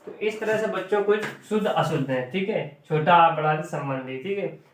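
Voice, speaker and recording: A man teaching a spelling lesson, who repeats words slowly and often asks and answers his own questions. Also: a little high, slight background noise. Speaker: Hindi teacher. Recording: roomy echo, distant mic.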